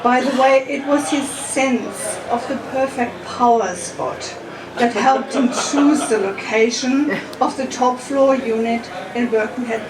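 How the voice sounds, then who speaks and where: A woman giving a wedding speech, telling anecdotes with light laughs. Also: on the high side. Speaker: wedding speaker. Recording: echoey hall, distant mic, crowd behind.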